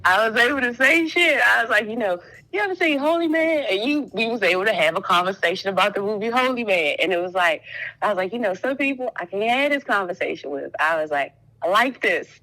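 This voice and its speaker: Lively, bright-voiced woman telling stories. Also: mid-range voice, fast, rough recording. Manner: animated storytelling, acts out quotes, laughs a lot. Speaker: student. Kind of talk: casual chat.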